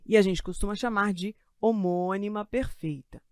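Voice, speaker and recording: A Brazilian woman teaching Portuguese grammar in an online exam-prep class. She talks in a chatty, joking way and draws out key words slowly to stress them. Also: medium pitch, clean tone, dry recording. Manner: lively, stretches key words slowly for emphasis; chatty asides and self-joking humor. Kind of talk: live online grammar lesson. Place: studio with a desk of computers.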